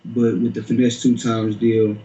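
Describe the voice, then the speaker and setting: Even-toned man, mellow, in echo. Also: medium pitch, normal speed, lo-fi sound, a little hiss or hum. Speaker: security guard interviewee. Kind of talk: informal interview account. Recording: roomy echo.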